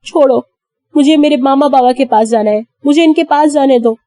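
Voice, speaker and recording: A woman voicing a young woman screaming hysterically in grief, high and loud. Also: dry recording. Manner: crying, screaming.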